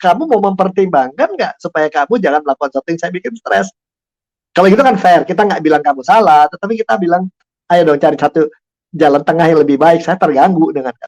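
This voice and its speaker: An older man speaking as a guest in a casual talk show, lively and laughing often as he acts out conversations. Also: a little high, quick pace. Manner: animated, acts out quoted dialogue, laughs often. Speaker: guest speaker, lecturer and author.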